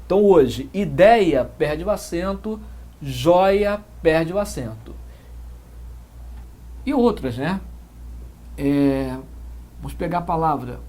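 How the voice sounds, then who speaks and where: A man's voice: on the high side, expressive, slow, pauses often, dark tone. A man with a Brazilian Portuguese accent teaching grammar in an exam-prep lecture, explaining step by step and often checking in with short tag questions.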